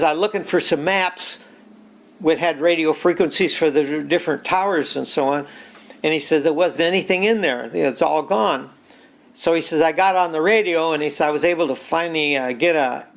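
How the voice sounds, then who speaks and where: A man's voice: on the high side, creaky. An older man casually retelling a secondhand anecdote, rambling with many "he says" and "uh" fillers, chuckling now and then. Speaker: storyteller.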